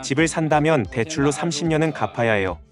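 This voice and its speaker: A man's voice: on the high side, animated, fast, music in the background. A man in his twenties, answering interview questions bluntly. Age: 20s.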